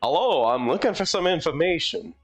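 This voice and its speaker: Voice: medium pitch, big pitch swings, brisk, breathy edge, soft background music. A streamer voicing a pushy male bar customer with a put-on New York accent, goofy and nasal, asking questions and complaining, in live fan voicing of a game.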